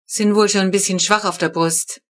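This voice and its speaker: A woman's voice: mid-range voice, fairly even intonation, normal speed, lightly acted. A woman reading a storybook, voicing an old male neighbor who speaks in a dry, matter-of-fact way.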